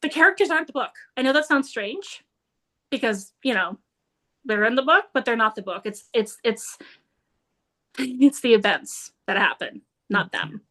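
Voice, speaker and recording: Bright, enthusiastic woman book reviewer. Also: fairly high pitch, expressive, normal speed. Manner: enthusiastic, laughing, restarts words often. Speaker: book reviewer and book club leader. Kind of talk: casual chat about books.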